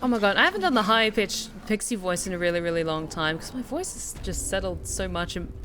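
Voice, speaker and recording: A chatty, expressive woman giving casual live commentary as she plays a game. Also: mid-range voice, a little fast, slight background noise. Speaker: game streamer and author. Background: game music.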